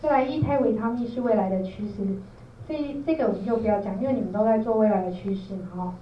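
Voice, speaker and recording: A woman's voice: on the high side, fast. A distant, echoey recording carries a woman presenter with a Taiwanese Mandarin accent. She explains in an informal lecture style and often checks that listeners follow. The sound is slightly dull. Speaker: product trainer, presenter. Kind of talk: informal training lecture to a group. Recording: roomy echo, distant mic, dull, faint noise.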